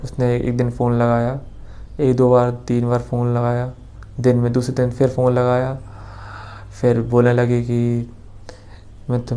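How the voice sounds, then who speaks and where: A man's voice: medium pitch, dark tone. A young man casually telling a personal story, rambling with restarts and quoting dialogue. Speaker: vlogger.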